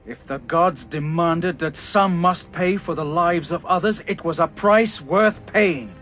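A man voicing an ancient elf king whose calm, sharp anger swells into shouts, in a dramatized fantasy audiobook. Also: medium pitch, unhurried, faint music behind, close to an everyday voice. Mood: grim anger. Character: ancient elf king, grief-stricken, raging, proud.

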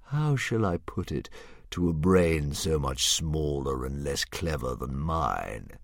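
A man's voice: rumbling low, sing-song, creaky, dry recording, clean studio sound, voice pushed down, heavily acted. A man voicing a hissing, sneering giant dragon. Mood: menacing. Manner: slow, relishing, hissing menace. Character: huge, sneering, menacing philosophical male dragon.

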